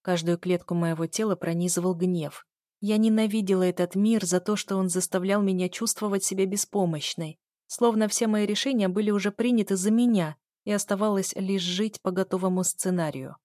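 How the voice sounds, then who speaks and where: A woman's voice: mid-range voice, steady tone, brisk, mellow, no echo, studio quality. A woman narrating a first-person novel aloud in a tense, emotional reading. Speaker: audiobook narrator.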